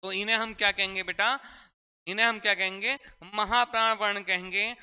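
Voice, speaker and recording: In an echoey hall, a man runs a classroom grammar lesson, repeatedly asking questions and supplying the answers himself. His voice is high-pitched, steady, brisk, bright, forceful and smooth.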